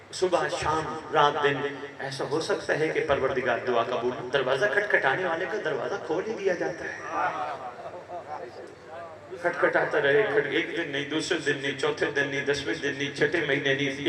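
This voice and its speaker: A man with a Pakistani Punjabi accent preaches at a religious gathering. His fairly high voice swells into loud, emphatic peaks, then drops low as he tells a story. It reaches the listener from far off, with a long hall echo and a large crowd filling the background. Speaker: Shia cleric giving a majlis address. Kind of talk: sermon with storytelling. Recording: echoey PA sound from far off with crowd.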